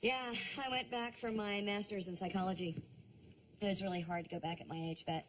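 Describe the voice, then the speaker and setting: A woman's voice: mid-range voice, steady tone, brisk, a bit bright, natural voice. A woman acting a polite, drily witty middle-aged American wife hosting dinner in a sitcom. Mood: strained politeness. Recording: noisy TV sitcom soundtrack.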